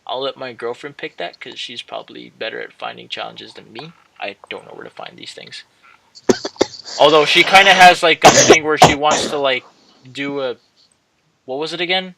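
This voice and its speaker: In a casual video outro, a young gaming channel host rambles hesitantly, often repeating himself and trailing off. His mid-range voice is gravelly at a normal speed, with a noisy background behind him.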